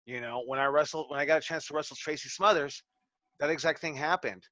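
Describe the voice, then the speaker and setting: A middle-aged man, a pro wrestling trainer, telling ring stories in an animated, swearing way as a lesson. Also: a little high, fast talker, no echo. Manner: animated, swearing, acts out quotes. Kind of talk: casual storytelling lesson. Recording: dull lo-fi sound.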